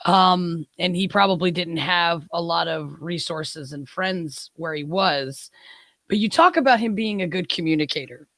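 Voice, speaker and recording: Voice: mid-range voice, a little slow, a bit bright, no room sound, studio quality. An interviewer giving brief affirmations and asking thoughtful follow-up questions in a casual interview. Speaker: interviewer, host.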